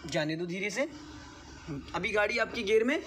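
A man's voice: high-pitched, normal speed, noisy background. Patient man coaching a driving lesson. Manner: patient, repeats step-by-step instructions with gentle teasing. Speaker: driving instructor. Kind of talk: hands-on driving instruction. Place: inside a car.

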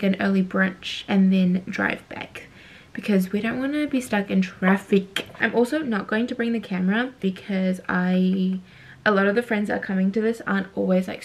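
A young woman chatting casually to the camera in her kitchen while getting ready. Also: medium pitch. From New Zealand. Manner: chatty, easygoing, laughs between sentences. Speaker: vlogger. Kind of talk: casual vlog narration to camera. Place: home kitchen, indoors.

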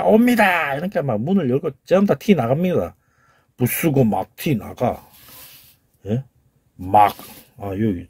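Animated husky man lecturing with a Gyeongsang accent. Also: medium pitch, dry recording. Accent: Gyeongsang Korean. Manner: emphatic, repeats key words, sounds words out. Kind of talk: informal lecture.

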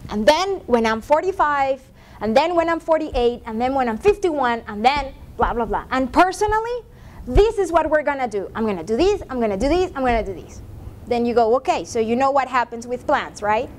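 In a classroom with a projector screen, a woman in her forties leads a professional development workshop for a seated audience, captured by a distant room camera. Her voice is high and lively, her pace fairly quick, and she keeps things conversational, often checking in with "right?".

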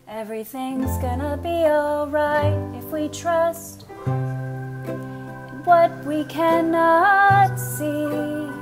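A woman singing a slow worship song from home, part of a band recorded over video call. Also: high-pitched, over music. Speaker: church band singer.

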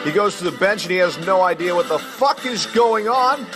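A man with a high, animated voice speaking at normal speed does a profane, bombastic parody of a basketball commentator calling the action. Music plays in the background alongside noisy crowd and court sounds, including a bouncing ball.

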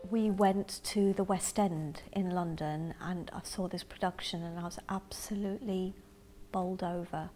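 Recorded close up in a dark room, a middle-aged Zambian woman tells her life story as an interviewee in a community film. Her fairly low voice stays steady, and she sounds thoughtful and halting, often restarting sentences and adding soft asides as she reflects.

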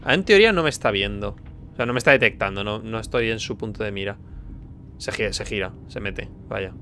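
A man's voice: fairly low pitch, a little fast, sharp tone, a little hiss or hum. A man playing a horror game, muttering tensely and yelping when scared. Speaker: gaming streamer. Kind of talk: let's play commentary.

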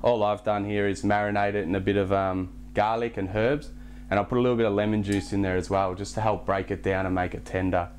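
A young man hosting a casual cooking demonstration in a home kitchen, relaxed and chatty, with self-deprecating asides. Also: on the low side, quick pace, slight background noise. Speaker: cooking show host. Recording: background music under the voice. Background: music and pan sizzling.

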